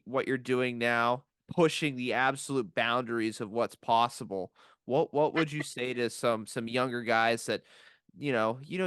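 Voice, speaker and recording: A man's voice: mid-range voice, a bit bright, clear, resonant tone, no echo. A male interview host asking questions in a laid-back, encouraging way, with many ums and uhs. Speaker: podcast host. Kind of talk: casual interview.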